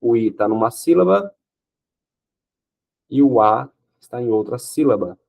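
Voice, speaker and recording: A man's voice: medium pitch, expressive, a little slow, gravelly, a little mellow. A man teaching Portuguese grammar for an exam, explaining step by step, asking questions and answering them himself, often checking with "ok?". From Brazil. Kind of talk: exam-prep grammar lesson.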